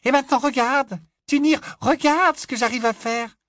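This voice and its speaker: A man's voice: very high-pitched, moderate pace, fairly bright tone, dry recording, clean studio sound, pitched above the performer's own voice. A man reading an audiobook, voicing a cheeky, playful young girl with a teasing manner. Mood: giggly.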